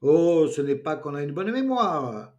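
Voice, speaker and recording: A woman's voice: deep voice, big pitch swings, a little slow, a little mellow, pitched above the performer's own voice. Brief: man playing a chatty, insistent old lady, raised voice, storybook reading. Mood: eager.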